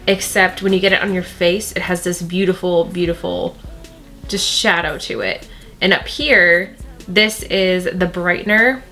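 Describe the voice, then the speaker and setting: A woman's voice: on the low side, a bit bright. Chatty woman giving a makeup tutorial. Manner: chatty, repeats words for emphasis. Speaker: beauty vlogger.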